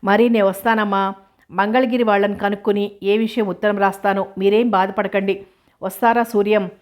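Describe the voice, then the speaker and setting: A woman's voice: mid-range voice, flat delivery, moderate pace, natural voice. A woman reading the lines of a reassuring older man, an uncle in a storybook.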